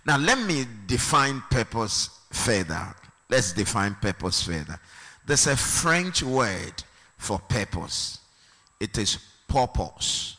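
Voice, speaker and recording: Preacher, male, slow deliberate delivery with bright ringing tone, echoey church hall. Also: medium pitch, sing-song. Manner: slow and emphatic, rising to a sung, preaching cadence. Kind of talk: sermon. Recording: long reverb of a hall.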